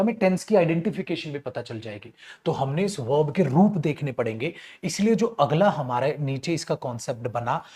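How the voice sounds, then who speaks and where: Indian guy teaching english grammar online, kinda high voice, super lively and joking around with the kids. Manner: lively, jokey, addresses students as beta, acts out student voices. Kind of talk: online classroom lecture.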